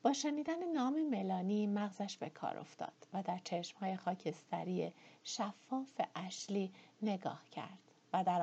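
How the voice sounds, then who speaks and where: A woman narrating a novel as an audiobook, in a dramatic, measured reading. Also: mid-range voice, warm tone, slightly rough, muffled recording. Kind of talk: scripted narration.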